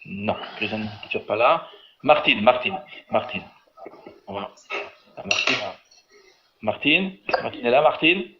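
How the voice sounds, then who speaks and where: A man's voice: mid-range voice, lively intonation, measured pace, pauses often. Teacher, man, patient and methodical, leading a webinar on a dull line with faint hiss. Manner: patient, corrects reading syllable by syllable. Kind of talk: online class, calling on students. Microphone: video call. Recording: slightly dull online audio with faint noise.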